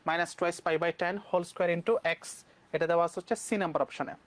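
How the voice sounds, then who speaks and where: A young man from Bangladesh with a Bangladeshi Bengali accent, teaching physics exam questions briskly and mixing English terms into his speech. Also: a little high, little pitch movement. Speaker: physics tutor. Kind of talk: exam-prep lesson.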